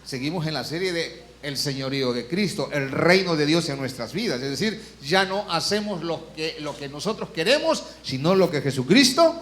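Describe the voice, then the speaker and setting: This man is a pastor delivering a sermon to his church congregation, his voice on the high side and a bit bright. He often asks rhetorical questions and plays out complaining voices in quotes, slowing and lifting his voice on emphatic Bible quotations.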